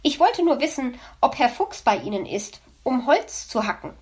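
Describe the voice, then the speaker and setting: Impatient storybook magpie lady, huffy and easily offended, pitched up; a woman reads her. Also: very animated, normal speed, darkish tone. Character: fussy indignant female magpie, impatient.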